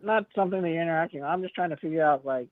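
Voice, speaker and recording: A male caller talks through a speakerphone, so his voice comes across thin and tinny like a phone line. He sits a bit high in pitch and hesitates often, searching for his words. The sound is dry with no room around it. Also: rapid-fire, no echo. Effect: on speakerphone over a phone line. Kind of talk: call-in debate. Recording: tinny, distant speakerphone call.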